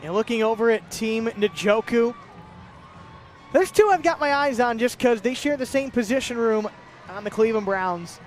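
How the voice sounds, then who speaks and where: A man calling a celebrity softball game and home run derby live as play-by-play announcer, with lively calls and chatty asides. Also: extremely high pitch, moderate pace, some chatter behind. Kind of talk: live sports commentary.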